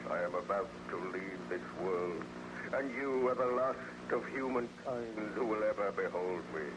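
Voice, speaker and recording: A man's voice: on the low side, normal speed, lightly acted. An actor playing a wounded, remorseful monster in declamatory, formal 1930s radio style, bitter and grieving for his creator. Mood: tormented, bitter. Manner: declamatory, anguished, archaic formal speech. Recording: noisy, muffled old-time radio recording.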